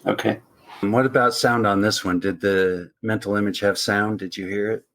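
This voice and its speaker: Man, podcast host, low-pitched voice, casual questioning, laughs often. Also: fairly even intonation, normal speed, a bit bright.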